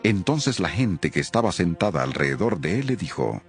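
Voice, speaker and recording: A man narrating a Bible reading in a solemn, expressive scripted style. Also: deep voice, normal speed, faint music behind.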